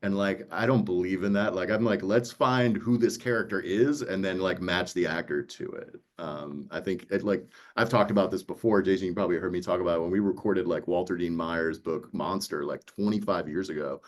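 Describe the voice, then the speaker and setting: This New York man, an audiobook producer, talks briskly in a low voice with barely any pauses. During a casual panel chat, he spins stories and acts out lines of dialogue.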